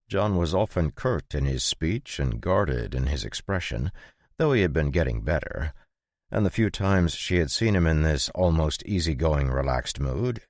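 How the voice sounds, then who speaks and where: A man narrating an audiobook in an even, measured storytelling manner. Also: very deep voice, no echo, studio quality. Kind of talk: scripted narration.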